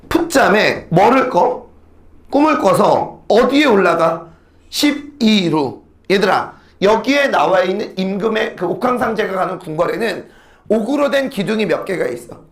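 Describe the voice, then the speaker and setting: A man teaching classical poetry to a class, asking quick questions and answering them himself, with blunt slangy asides. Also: high voice, very animated. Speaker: Korean literature teacher. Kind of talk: lecture to students.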